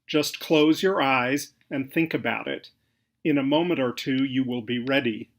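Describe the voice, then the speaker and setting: A man narrating a scripted English pronunciation lesson in a dry, measured way. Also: mid-range voice.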